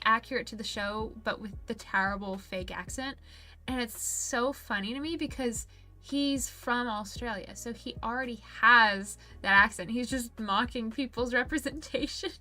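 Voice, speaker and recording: Woman, streamer, casual livestream chat, giggly, unhurried, bright tone. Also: on the high side. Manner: chatty and giggly, reading viewer messages aloud.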